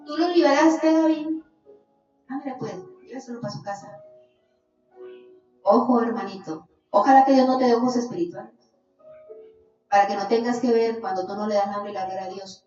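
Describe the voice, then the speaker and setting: A woman giving an earnest religious testimony as a podcast guest, warmly calling the listener "little brother". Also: medium pitch. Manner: earnest, calls listener "hermanito". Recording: echoey, distant, dull lo-fi sound.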